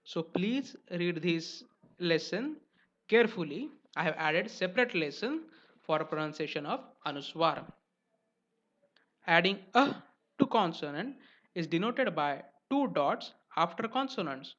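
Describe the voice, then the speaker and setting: Man slowly spelling out letter sounds. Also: high-pitched, expressive, a bit bright. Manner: slow, careful spelling out of letter sounds, stressing each example syllable. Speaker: language teacher. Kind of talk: explanatory lesson narration. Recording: dull lo-fi recording.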